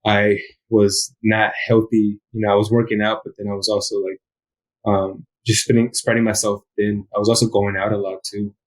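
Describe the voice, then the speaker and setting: A man's voice: lowish voice, level tone, normal speed, low-quality recording. A young man talking as a podcast guest, reflective and loose, with lots of "like" and "you know" as he thinks aloud. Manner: reflective, many fillers, hesitant restarts. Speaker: guest, footwear designer. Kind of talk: casual interview chat.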